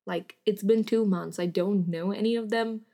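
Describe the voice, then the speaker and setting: A young woman from India, a guest and acting student chatting casually in an expressive, talkative way with quick laughs. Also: medium pitch. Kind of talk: casual podcast chat.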